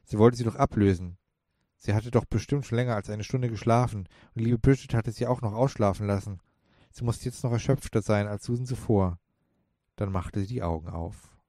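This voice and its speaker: A man narrating a fantasy audiobook in a calm, measured reading. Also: lowish voice, dry recording, studio quality. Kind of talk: scripted narration.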